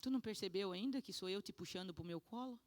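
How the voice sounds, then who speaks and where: A woman pastor voicing God as a gentle, fatherly figure, softly and tenderly. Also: mid-range voice, quick pace, dry recording, natural voice. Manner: soft, tender, quieter. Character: gentle fatherly God speaking to his daughter.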